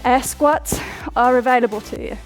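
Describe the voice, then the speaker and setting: A woman's voice: fairly high pitch, normal speed. A young woman instructing a workout over music in an upbeat coaching manner, counting down reps and sometimes out of breath. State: out of breath at times. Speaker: fitness instructor.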